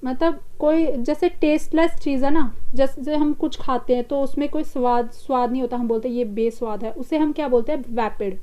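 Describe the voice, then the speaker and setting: Indian woman teacher, high voice, explains in Hindi and reads English answer options slowly. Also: mellow. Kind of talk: exam-prep vocabulary lesson.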